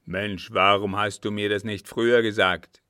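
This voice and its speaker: A man voicing a furious old captain who barks and growls loud, angry questions in an audiobook reading. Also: lowish voice, little pitch movement, moderate pace, clean tone, no echo, clean studio sound. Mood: growling angry. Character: old furious male captain, a snarling bully.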